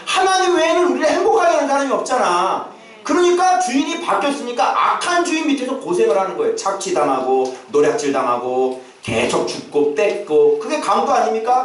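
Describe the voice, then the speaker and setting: Animated high-pitched preaching man. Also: slight background noise. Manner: animated preaching, shouting out acted calls to the congregation. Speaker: pastor. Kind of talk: sermon. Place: church sanctuary. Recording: echoey church hall, mic at a distance.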